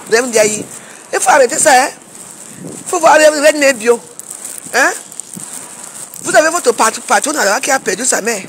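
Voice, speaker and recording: A woman's voice: fairly high pitch, fairly bright tone, slight background noise. Woman ranting at a rival, outdoors. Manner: combative, scolding with rhetorical questions. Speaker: social media commentator. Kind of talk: casual vlog rant. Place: outdoors, walking at a market.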